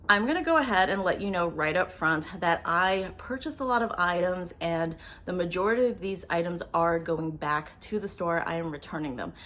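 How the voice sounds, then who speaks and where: A beauty vlogger with a low but fairly bright voice chats quickly and openly to the camera during a casual product haul. She's at home with the windows open, where faint household sounds and a dog walking around can be heard.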